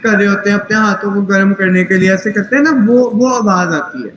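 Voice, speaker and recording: A man's voice: sits high, a bit bright, reverberant, slight background noise, rough recording. A man teaching tajweed in an online class, patient and corrective, mixing English phrases into his speech. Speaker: Quran recitation teacher.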